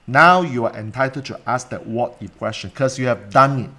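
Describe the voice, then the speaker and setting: A man in middle age speaks with a strong Cantonese accent at an average male pitch. He teaches like an informal coach on a live stream, blunt and emphatic. He repeats himself and leans on rhetorical questions. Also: normal speed, bright, forceful tone. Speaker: coach and mentor teaching a live online class.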